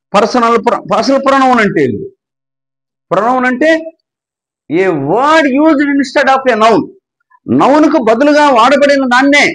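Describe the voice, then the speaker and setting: A man with an Andhra Telugu accent teaching English grammar, asking questions and answering them himself, and slowing down to dictate definitions. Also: very high voice, a bit bright, poor audio. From Andhra Pradesh. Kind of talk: explanatory grammar lesson.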